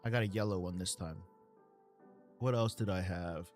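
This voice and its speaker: A man hosting a casual live stream, answering viewer questions in a relaxed way with many ums and uhs. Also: deep voice, normal speed, soft background music.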